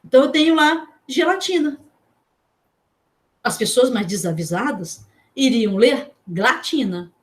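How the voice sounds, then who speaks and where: A woman with a Brazilian Portuguese accent gives a lesson in a fairly high voice. She moves through her points step by step, asks the class questions and checks in often. Now and then she slows down to spell out single letters. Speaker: teacher. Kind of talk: online class lecture.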